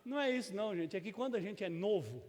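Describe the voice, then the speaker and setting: High-voiced Brazilian pastor preaching in reverb. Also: male voice, animated, quick pace, darkish tone. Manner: conversational, folksy sermon with humor and frequent tag questions. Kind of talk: sermon. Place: church sanctuary. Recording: long church reverb.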